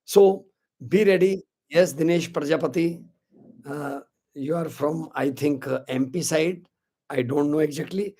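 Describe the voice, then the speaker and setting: In his sixties and speaking with an Indian accent, a man hosts a live motivational webinar in Hindi and English, streamed to social media, upbeat as he greets viewers by name as "my dear friends." His voice sits on the high side, extremely slow, creaky and dark.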